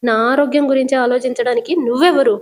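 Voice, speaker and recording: Cold, tearful mother snapping at a helper, read plainly by a woman, higher voice. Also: fairly even intonation, fast talker, a little mellow, natural voice. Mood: bitter. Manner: cold, curt. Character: grieving mother, bitter and tearful.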